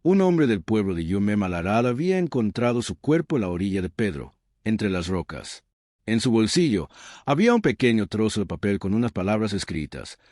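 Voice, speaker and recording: A man narrating a sad story in a solemn, sorrowful, measured way. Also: fairly low pitch, very animated, a little mellow, no room sound, clean studio sound.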